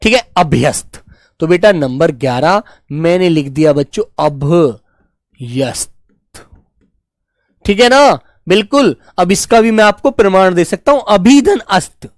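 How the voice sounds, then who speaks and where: A man teaching spelling to a live online class, who stretches each word out slowly and fondly calls his students children. His pitch rises and falls a lot as he explains. The sound is dry and close, with no room echo. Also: sing-song. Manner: patient, repeats words slowly, calls students "beta".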